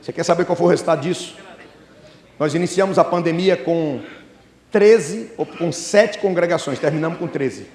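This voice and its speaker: Fiery high-voiced Brazilian preacher. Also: male voice, moderate pace. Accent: Brazilian Portuguese. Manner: fiery, shouting, with laughing asides. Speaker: pastor. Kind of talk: sermon. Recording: echoey church hall.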